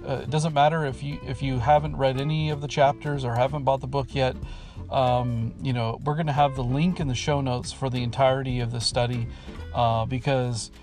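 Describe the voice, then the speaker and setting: A man hosting a casual religious podcast from inside a camper van, talking in a halting, conversational way that trails off. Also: mid-range voice, fairly even intonation, darkish tone, faint music behind. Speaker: podcast host.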